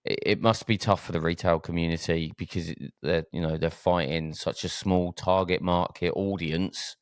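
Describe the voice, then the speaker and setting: Low-voiced Essex man chatting. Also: fairly even intonation, normal speed, clean tone, no room sound, clean studio sound. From Essex, England. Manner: hesitant, repeats words. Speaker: podcast host. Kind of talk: casual chat.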